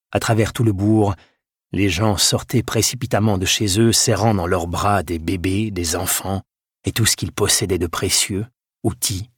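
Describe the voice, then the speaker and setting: A man reading a historical novel aloud in a steady storytelling voice. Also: low-pitched, breathy edge, no room sound, clean studio sound. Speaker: narrator. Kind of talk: audiobook reading.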